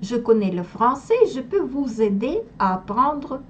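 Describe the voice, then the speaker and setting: A woman's voice: fairly high pitch, animated, measured pace, a little hiss or hum. A woman from Russia with a Russian accent, teaching a language lesson and carefully pronouncing sounds one by one. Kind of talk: slow spoken language lesson.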